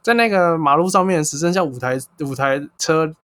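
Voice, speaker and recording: A man's voice: a little high, normal speed, a bit bright. A man co-hosting a casual chat show, telling a story animatedly and acting out the people in it. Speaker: podcast co-host.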